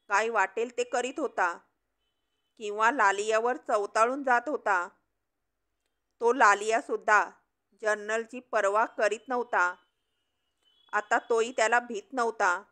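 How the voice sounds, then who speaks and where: Woman narrator, slow and measured, a touch high, reads storybook prose. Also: a bit bright.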